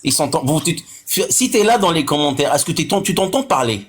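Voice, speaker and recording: Animated male guest on a live chat, pitch leaping around, laughing between points. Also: a little fast, slightly rough. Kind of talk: casual live-stream chat.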